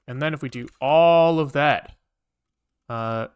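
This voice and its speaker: A man live-streams a coding session, casually thinking aloud and muttering informally, with swearing, as he works things out. His mid-range voice is clear and resonant and he takes it slowly, though the audio sounds dull.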